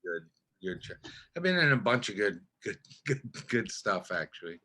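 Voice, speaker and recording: An older man talks as a guest on a casual podcast, his voice bright and forceful. He rambles and stumbles through his stories, restarting sentences and circling back on himself. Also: lowish voice, big pitch swings. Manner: rambling, halting storyteller with many restarts. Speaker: guest actor.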